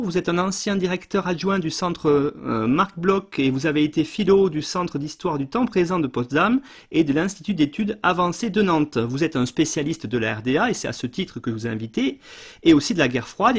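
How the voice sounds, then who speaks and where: A man's voice: fairly high pitch, expressive, normal speed, breathy edge. A man hosting a history podcast, introducing his guest and asking questions, often hesitating with fillers. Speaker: podcast host. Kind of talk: scripted intro then interview questions.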